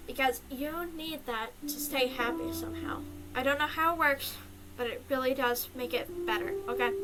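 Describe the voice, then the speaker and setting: A woman's voice: sits high, low-quality recording. A young woman streamer chatting casually and giving advice, rambling with lots of ums and little giggles. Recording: clear background music. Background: music.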